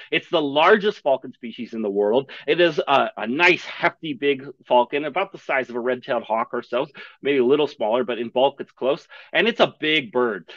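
A young man teaches an online birding class over slides, sounding chatty and enthusiastic and tossing out rhetorical questions. His voice is slightly high and a bit bright, with no echo. It comes through a webcam on a video call, so the audio is dull and lo-fi.

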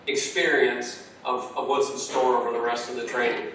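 A man's voice: mid-range voice, little pitch movement, normal speed, a bit bright, slight background noise. A man being interviewed over a call about a church course, talking earnestly and restarting his sentences often. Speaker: Alpha course trainer, interviewee. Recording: echoey distant call audio.

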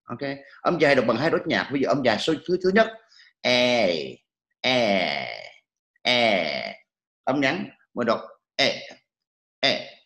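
A man's voice: mid-range voice, lively intonation, brisk, roomy sound. A man teaching English pronunciation, patiently repeating each sound for students to copy. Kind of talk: pronunciation lesson with repetition drills.

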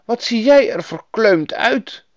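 A man voicing a caring old woman of the far north, in a high, fussing voice. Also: expressive, slow, no echo.

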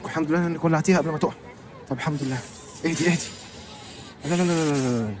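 A man's voice: fairly high pitch, racing, background noise, natural voice. An actor playing a lonely overweight young man, nervous and polite, talking in flustered comic patter in a film comedy. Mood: panicked. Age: young adult.

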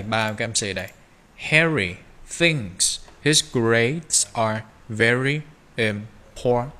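A man teaching English pronunciation, drawing out slow model phrases between quick explanations. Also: on the low side, sharp tone. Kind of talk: pronunciation lesson.

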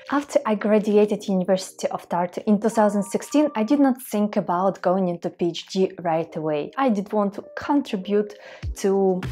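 Her medium-pitched voice has a slightly mellow quality as this young vlogger from Russia talks casually to camera at her desk in a small home room. Speaking with a Russian accent, she stays earnest and chatty, with careful English and little restarts.

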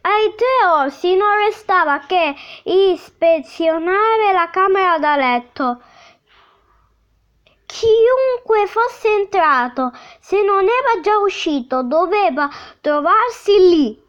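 Slow high-voiced woman reading a tale. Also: lively intonation, fairly bright tone. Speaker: storyteller. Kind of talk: children's story reading. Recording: dull lo-fi recording.

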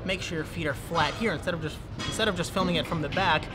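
A man's voice: on the high side, quick pace, music in the background. A young man filming a casual how-to vlog in a large indoor gym, chatty and explaining step by step to a nearby camera. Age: young adult. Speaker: fitness video creator. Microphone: camera close up and on tripod.

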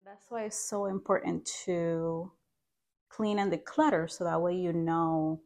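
This thirties-aged woman speaks low and unhurried, her tone steady and a bit dark, as she vlogs from her home kitchen. Chatting to camera and in voice-over, she encourages viewers about getting organized while laughing at the mess she's made.

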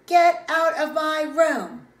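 A woman voicing a cranky little girl who wails and shouts her refusals in a storybook reading. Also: high voice, big pitch swings, pitched above the performer's own voice, heavily acted. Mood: whiny shouting. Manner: whiny, shouty, drawn-out wailing. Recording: roomy, distant mic, faint ambience.

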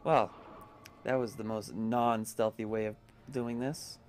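A man with a groggy morning voice giving casual, relaxed commentary while playing a video game, now and then cursing at the game. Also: fairly low pitch, a little slow, a little hiss or hum. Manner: relaxed, mumbling, with bursts of swearing.

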